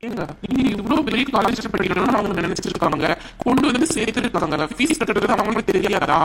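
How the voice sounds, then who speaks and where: A woman acting out a decent young man in a cartoon, her voice kept at an ordinary middle pitch. He talks earnestly and reassures his friend, and he scolds others when they are unkind. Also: lively intonation, fast talker, very noisy, natural voice. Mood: reassuring. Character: kind, earnest young male college student.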